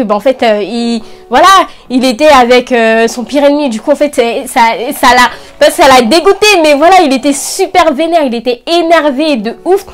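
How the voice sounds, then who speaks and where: A young woman talking casually and slangily as an enthusiastic anime fan, recommending things to her video audience. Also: sits high. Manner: informal youth slang. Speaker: anime review channel host.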